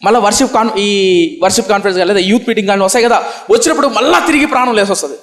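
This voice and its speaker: Brief: despairing young penitent, low broken confession, echoey room, as a preacher acts him out. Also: male voice, rapid-fire, a bit bright. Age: young adult. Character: remorseful young man, weeping penitent believer.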